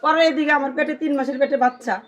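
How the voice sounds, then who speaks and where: A young woman, telling her story in a street interview, loud and demanding at times. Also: sits high, fairly even intonation, rapid-fire. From Sirajganj, Bangladesh. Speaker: complainant.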